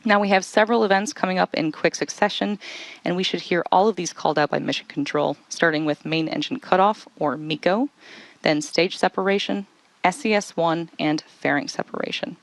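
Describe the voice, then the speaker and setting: A woman's voice: on the low side, brisk, no echo. A woman hosting a live launch webcast, explaining technical steps in running commentary.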